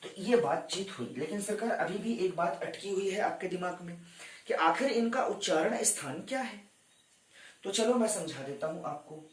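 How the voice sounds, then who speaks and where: A man's voice: high-pitched, lively intonation, moderate pace, echoey room, recorded from a distance, a little hiss or hum. A man teaching an exam-prep grammar lecture, addressing his students respectfully as he explains step by step. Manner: addresses students as "sarkar", counts down for screenshots.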